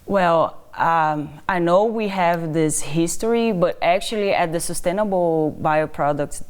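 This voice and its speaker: A woman in her thirties from Brazil with a Brazilian Portuguese accent, a guest professor explaining her field in a measured way with frequent pauses and fillers. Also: on the low side, clear, resonant tone. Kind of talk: interview answers.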